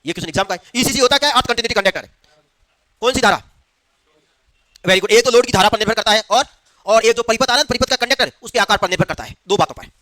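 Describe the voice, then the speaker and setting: Man, teacher, classroom lecture, quizzing students, bright voice, dry close sound. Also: high-pitched, rapid-fire, long pauses, dry recording. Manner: quizzes the class, answers his own questions.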